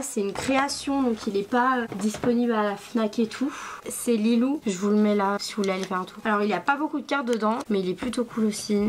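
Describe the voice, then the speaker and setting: A woman's voice: fairly high pitch, slight background noise. A woman hosting a casual vlog about her card collection, chatty and gushing, with lots of fillers and asides. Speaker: cartomancy video host.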